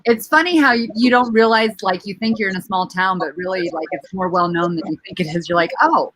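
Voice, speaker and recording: A woman from Rockford, Illinois chatting casually on a stream, relaxed and swearing offhandedly. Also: mid-range voice, fairly quick, no room sound, poor audio. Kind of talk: casual chat.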